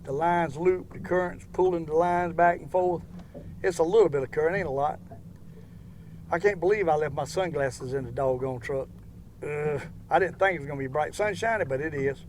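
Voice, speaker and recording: A man's voice: on the high side, normal speed. An older man with a Southern US accent chatting casually and ramblingly as he hosts an outdoor fishing vlog. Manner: folksy, rambling. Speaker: fishing show host. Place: outdoors in a boat on a lake. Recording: outdoor boat ambience, faint noise.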